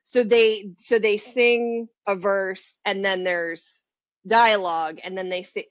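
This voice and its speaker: A woman's voice: medium pitch, steady tone, takes it slowly, no room sound. Woman, podcast co-host, casual chat, chatty, laughs easily, dry close sound, slightly muffled.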